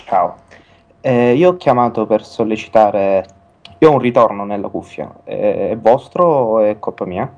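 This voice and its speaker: A man calling in to a radio show over the phone, asking a question in a halting, hesitant way with many pauses and filler sounds. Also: on the low side, darkish tone. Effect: heard over the phone. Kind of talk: casual call-in question. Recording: dull lo-fi phone line.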